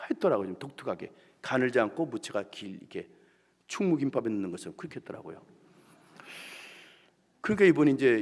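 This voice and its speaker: Man, revival preacher, animated storytelling sermon, hushed asides and loud bursts, church sanctuary, long reverb. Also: mid-range voice, creaky, breathy edge.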